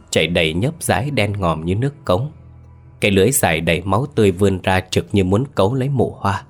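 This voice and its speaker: Man, horror story narrator, very low voice, husky, faint music behind. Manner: steady, dramatic narration.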